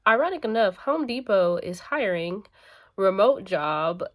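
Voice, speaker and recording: A woman's voice: medium pitch, lively intonation, unhurried. A woman talking casually to her viewers in a rambling vlog, full of "like" and "um". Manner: rambling, filler-heavy talk with frequent "like" and "um". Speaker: bootcamp student vlogger.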